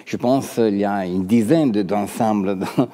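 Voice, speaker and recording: A man in his sixties with an Italian accent, a composer talking unscripted in halting non-native French, repeating words as he searches. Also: fairly low pitch, dark tone. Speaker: composer, interview guest. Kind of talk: unscripted talk about own work. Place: large dark concert hall stage, indoors. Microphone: headset. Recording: long hall reverb of a stage.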